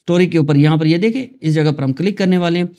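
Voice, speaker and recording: A man from Pakistan hosting a screen-recorded software tutorial, talking chattily to his viewers. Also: on the high side. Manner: chatty, addresses viewers as "janab" and "dosto". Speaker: tutorial host.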